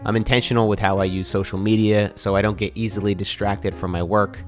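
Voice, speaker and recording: A man in his thirties with a somewhat low voice narrates a vlog in a calm, even, scripted voice-over. Soft music plays faintly underneath. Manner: calm, measured, even-toned. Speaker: vlogger and podcaster.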